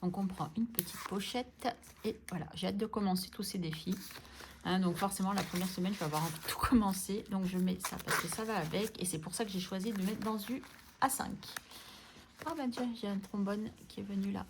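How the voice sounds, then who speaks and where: A woman's voice: mid-range voice, a little fast, noisy background. A woman vlogging about her budget envelopes, chatting casually and playfully scolding herself as she sorts things. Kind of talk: casual chat while sorting envelopes.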